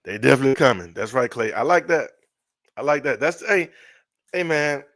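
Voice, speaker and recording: A middle-aged man hosting a casual live sports stream, excitable and repetitive, often trailing off mid-sentence. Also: medium pitch, moderate pace, no echo, clean studio sound. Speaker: sports show host.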